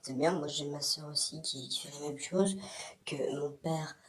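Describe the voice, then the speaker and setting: A man's voice: fairly high pitch, steady tone, normal speed, fairly bright tone. A man talking through a voice-disguising filter, rambling frankly to his community with many hesitations, from his bathroom. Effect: voice disguised with an altering filter. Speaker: YouTuber addressing his community. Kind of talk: casual rambling vlog.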